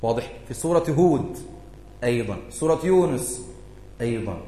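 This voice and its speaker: A man's voice: medium pitch, lively intonation, fairly quick, dark tone. A man giving a religious lesson to students in a lecture room, often checking whether they follow and stressing points emphatically. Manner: keeps asking if students follow, rises emphatically. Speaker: religious teacher. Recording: echoey room.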